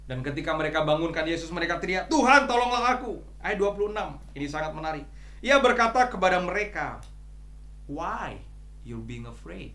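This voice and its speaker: A man preaching a sermon as pastor, swinging between loud emphatic exhortation and soft pleading. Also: fairly high pitch, roomy sound. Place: church.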